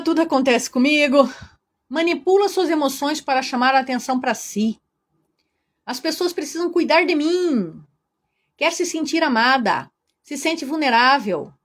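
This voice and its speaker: Chatty Brazilian woman teaching a workshop. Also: sits high. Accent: Brazilian Portuguese. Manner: lively, chatty, addresses the audience directly.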